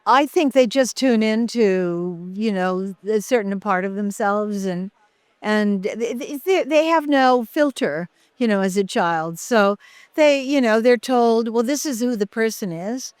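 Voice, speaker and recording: An older woman talks as a guest in a casual interview, pausing often and restarting her sentences. Her voice is clear and smooth, recorded close in a dry space with no room sound. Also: mid-range voice, a little mellow, no echo. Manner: halting, many fillers and restarts.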